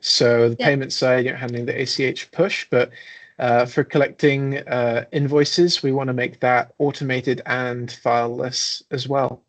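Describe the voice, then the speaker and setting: A man's voice: mid-range voice, little pitch movement, measured pace. A man speaking as a guest on a business webcast, easygoing and chatty, explaining his company's plans. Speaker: guest, software company representative. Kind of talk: casual interview chat.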